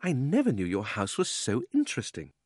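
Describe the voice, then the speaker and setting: A man voicing a curious, teasing young girl in a storybook, eager and quick to retort. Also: medium pitch, huge pitch swings, darkish tone, no echo, studio quality, voice pushed up. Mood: intrigued. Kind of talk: storybook character reading.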